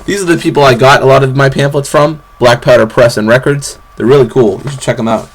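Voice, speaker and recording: A man's voice: fairly even intonation, fast talker. A young man rambling casually in a vlog from his bed, with lots of fillers and restarts, recorded on a camera's built-in mic. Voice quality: very low, bassy, gravelly voice. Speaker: vlogger. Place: bedroom, sitting on a bed.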